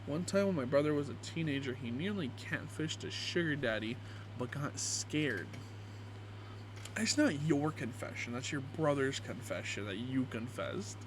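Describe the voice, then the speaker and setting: A man's voice: medium pitch, lively intonation, moderate pace, noisy background. A young man reading aloud casually and gleefully, with crude, amused reactions, as a YouTube creator would. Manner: crude, joking, swearing.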